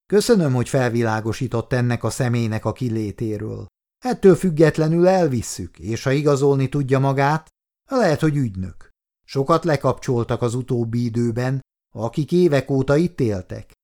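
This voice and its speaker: A man's voice: mid-range voice, animated, mellow, close to an everyday voice. A male reader voicing a stern, guarded army officer who speaks curtly. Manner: curt, authoritative. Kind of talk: audiobook dialogue.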